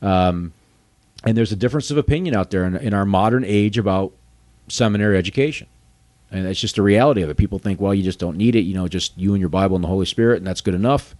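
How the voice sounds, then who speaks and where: A man interviewing two guests in a measured, conversational way, thinking aloud in long, qualified sentences. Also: on the low side, darkish tone, no echo.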